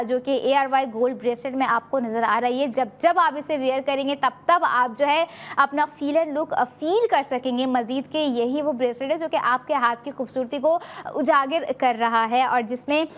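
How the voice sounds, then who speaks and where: A woman with a Pakistani Urdu accent hosting a TV shopping show, giving a persuasive sales pitch full of fillers. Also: moderate pace, a bit bright. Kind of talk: TV shopping presentation.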